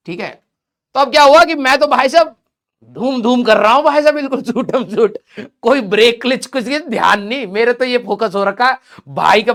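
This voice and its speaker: A man's voice: very high-pitched, a bit bright. Man, teacher, casual storytelling, chatty, filler-heavy, laughs between lines. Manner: chatty, fillers like "ठीक है" and "भाई साहब"; laughs while telling.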